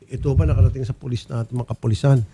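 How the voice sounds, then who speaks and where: A man's voice: mid-range voice, fairly even intonation, rapid-fire, noisy background. A man hosting a complaint program, firmly questioning the people in front of him and repeating their answers back. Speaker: program host.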